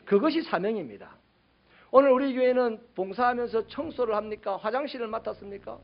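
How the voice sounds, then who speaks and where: A male pastor preaching a sermon, animated and sometimes shouting out quoted rebukes to his congregation. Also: very high-pitched, a little fast, creaky, highs cut off.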